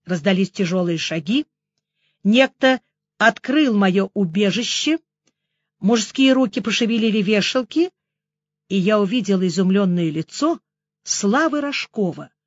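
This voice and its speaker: A woman narrating a novel in first person, brisk and ironic. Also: mid-range voice, expressive, no room sound, dull audio. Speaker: audiobook narrator.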